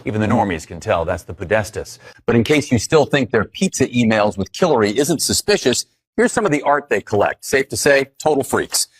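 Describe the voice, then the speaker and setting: Male parody news anchor, sarcastic and animated, slightly husky, close dry sound. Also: mid-range voice, a little fast, no echo. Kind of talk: mock news anchor banter.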